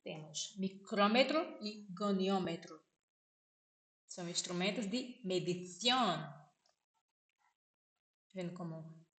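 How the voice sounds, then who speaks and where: A Brazilian woman with a Brazilian Portuguese accent gives a casual spoken lesson, slowly repeating words and often checking with "né?". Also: medium pitch, fairly bright tone. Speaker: vlogger teaching vocabulary. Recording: echoey room.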